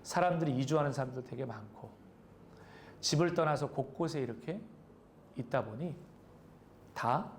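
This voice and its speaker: A man's voice: medium pitch, normal speed, long pauses, a little hiss or hum. A male pastor preaching a sermon in a conversational way, asking the congregation questions. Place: church sanctuary.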